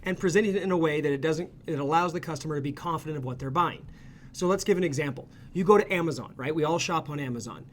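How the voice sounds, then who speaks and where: An ecommerce consultant guides viewers through a screen-share tutorial, his voice on the high side and his pace quick. He's energetic and chatty, tossing in "okay?" and "right?" after every point, with slight background noise in the recording.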